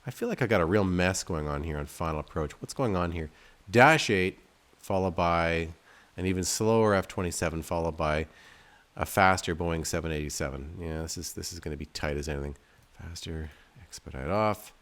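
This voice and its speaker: This man's voice sits low and has a fairly bright tone, moving at a moderate pace. As developer and host, he plays his own game on video and rambles casually, thinking aloud with self-deprecating humor.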